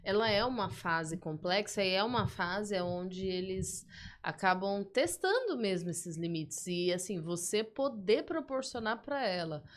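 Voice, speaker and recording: Calm woman co-hosting. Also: medium pitch, unhurried, slight background noise. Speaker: podcast co-host. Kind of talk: casual interview chat.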